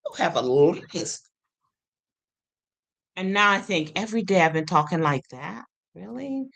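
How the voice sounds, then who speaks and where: A woman's voice: on the low side, measured pace, gravelly. A woman in her sixties with a lateral lisp, an occupational therapist and singer telling stories in a casual interview, with lots of ums. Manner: animated storyteller with many ums, acts out quotes.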